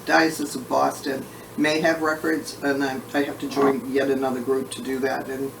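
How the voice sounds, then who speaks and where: A man who is short of breath, talking casually and haltingly with frequent pauses as he recalls family history in an oral history interview. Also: medium pitch, flat delivery, gravelly. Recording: roomy, distant mic, faint background noise.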